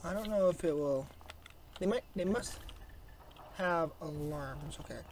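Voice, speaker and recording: Raspy, sick gamer muttering through play. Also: mid-range voice, measured pace, darkish tone, a little hiss or hum. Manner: mutters and grumbles to self, chatty asides. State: sick with a sore throat, coughing. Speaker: gaming YouTuber. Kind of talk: casual gameplay commentary.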